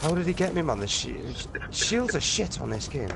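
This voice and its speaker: A man with a Welsh accent chatting casually over a headset while gaming, joking in a dry, low-key way. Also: very animated, moderate pace, creaky, background noise.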